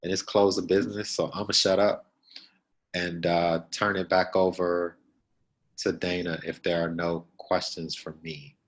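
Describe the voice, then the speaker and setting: A man's voice: deep voice, flat delivery, a little slow, poor audio. A man giving an earnest keynote talk to new principals, direct and repeating his key points. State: out of breath. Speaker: keynote speaker.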